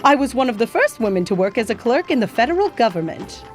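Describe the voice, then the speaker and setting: A woman acting as a gracious, proud nurse from history, speaking in a genteel, motherly way. The voice sits fairly high and moves a lot in pitch. Soft music plays faintly behind. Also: very animated, quick pace. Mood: earnest. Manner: genteel, calls listener "my dear" and "darlings". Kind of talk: scripted educational acting.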